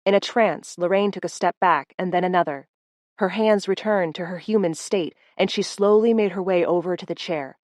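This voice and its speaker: A woman narrating a first-person audiobook in a steady, expressive storytelling voice. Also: lowish voice, moderate pace, dry recording, studio quality.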